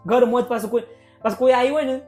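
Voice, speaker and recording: A young man, a vlogger and podcast guest, talking in emotional, animated bursts in a casual conversation. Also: very high-pitched, very fast, soft background music.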